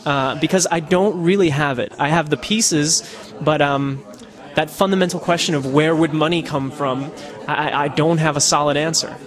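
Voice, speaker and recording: Answering interview questions in the Netherlands, an American podcaster and citizen journalist speaks at a moderate pace with hardly any pauses. His pitch is fairly high. The tone is casual and reflective, with plenty of fillers and restarts.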